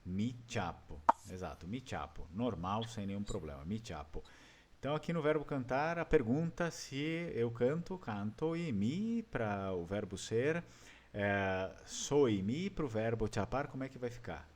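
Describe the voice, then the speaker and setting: A man's voice: medium pitch, expressive, measured pace, darkish tone. A man with a Brazilian Portuguese accent teaching an online class, patiently explaining step by step and quizzing his students. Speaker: language teacher.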